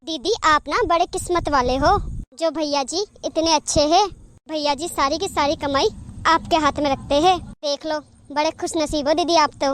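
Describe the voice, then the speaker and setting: Woman voicing a very high, chatty cartoon maid. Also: a bit bright. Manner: chatty, complaining. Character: chatty young housemaid, put-upon, gossipy. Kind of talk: cartoon voice acting.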